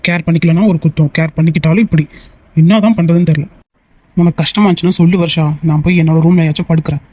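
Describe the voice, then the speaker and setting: A voice actor dubbing a teasing, easily annoyed young man in a cartoon, talking in fast, bickering banter. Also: mid-range voice, fairly even intonation, a little mellow, highs cut off, natural voice. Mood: exasperated. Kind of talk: cartoon voice dub.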